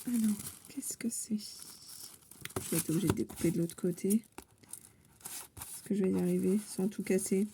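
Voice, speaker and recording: A woman vlogging about scrapbooking, showing and praising crafts she received while handling paper, with warm repeated compliments and frequent hesitations. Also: mid-range voice, fairly even intonation, a little fast, creaky, long pauses, slight background noise. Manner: enthusiastic, repeats her praise, many hesitations. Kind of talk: casual show-and-tell vlog.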